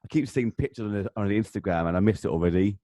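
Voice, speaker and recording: A man's voice: fairly low pitch, animated, rapid-fire, dark tone, a little hiss or hum. A man chatting casually on a video call podcast, telling stories with frequent laughs and fillers. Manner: laughing storyteller, lots of fillers. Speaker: podcast participant. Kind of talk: casual chat.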